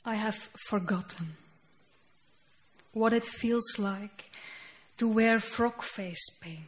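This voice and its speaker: On a festival stage before an audience, a poet reads her work in English, her Dutch accent showing because Dutch is her first language. She speaks at a medium pitch, slowly and deliberately, with halting English asides between poems.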